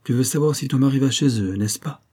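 A man's voice: mid-range voice, fairly quick, dark tone, pitched above the performer's own voice, natural voice. A man voicing a blunt, stubborn old woman servant who talks curtly.

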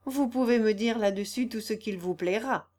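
A woman reading a shy eager young musician, ardent and emotional, his lines pitched a touch higher and louder than the telling around them, a storybook youth full of feeling. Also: moderate pace, close to an everyday voice.

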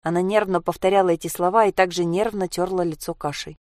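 A woman's voice: fairly low pitch, fast, dry recording. Woman reading a story, dry sound. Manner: steady storytelling. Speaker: reader. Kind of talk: scripted story narration.

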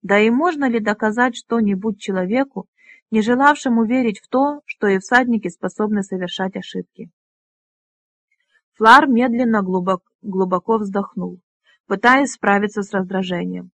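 An audiobook reader narrating a fantasy novel in a measured, even way. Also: mid-range voice, dry recording.

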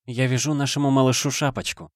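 Man doing a soft, meek young wife, timid, tired, higher voice, dry. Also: steady tone, fast talker, no echo, close to an everyday voice.

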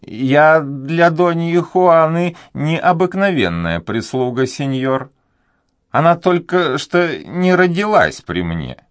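A man's voice: big pitch swings, slow pace, no echo. A man playing a sighing old duenna. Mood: earnest pleading. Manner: sighing, pleading, high raised voice. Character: elderly devout Spanish duenna, anxious and fond. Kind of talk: audiobook character reading.

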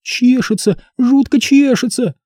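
A man's voice: very high voice, unhurried, warm tone, no room sound, studio quality, pitched above the performer's own voice. A man voicing a mischievous young girl who mocks and teases her friend in a storybook reading. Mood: wailing. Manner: mocking, taunting.

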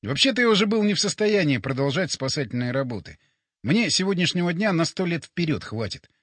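A man narrating a first-person sci-fi audiobook with expressive, animated storytelling, recorded on a close studio mic. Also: on the high side, a little fast, no room sound.

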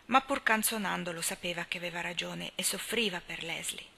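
Bright-voiced woman reading a novel aloud. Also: fairly low pitch, brisk, creaky, husky. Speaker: audiobook reader. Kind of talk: scripted narration.

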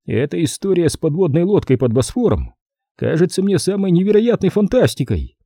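A man voicing a formal, dark-voiced consul. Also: high voice, very animated, a little fast, no room sound, studio quality, voice pushed up, full character voice. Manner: formal, declaring. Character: stern older male consul, official.

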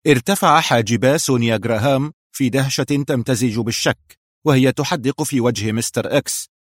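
A man reading a spy novel aloud in a steady, measured narration. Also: mid-range voice, no echo, studio quality. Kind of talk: scripted storybook narration.

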